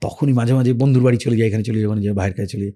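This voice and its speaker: A man tells stories in a relaxed interview, reminiscing about his career. His voice sits at a middle pitch with a husky edge, and he acts out the lines he quotes. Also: very fast. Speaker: actor as podcast guest. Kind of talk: casual storytelling interview.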